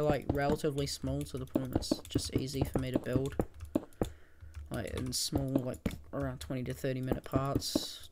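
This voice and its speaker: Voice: mid-range voice, gravelly, very noisy. A speaker from New Zealand with a New Zealand accent, thinking aloud and counting under their breath while building in a tutorial. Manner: mutters to self, counts under breath, self-correcting. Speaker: Minecraft builder giving a tutorial.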